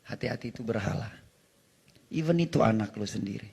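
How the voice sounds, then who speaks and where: A man sharing an emotional testimony, animated, often shouting and laughing as he tells his story. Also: fairly low pitch, a little fast, gravelly, slightly rough.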